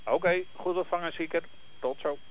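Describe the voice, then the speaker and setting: Coast guard operator, male, heard over marine VHF radio; slightly high voice, muffled line with heavy hiss. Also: moderate pace. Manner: clipped, formal call-and-answer. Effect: marine VHF radio transmission. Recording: dull radio line with loud static.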